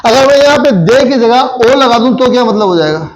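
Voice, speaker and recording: High-voiced male teacher quizzing a class. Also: lively intonation, a little fast, slight background noise, rough recording. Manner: repeats phrases and quizzes students with questions. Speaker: Japanese language teacher. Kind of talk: classroom grammar lesson.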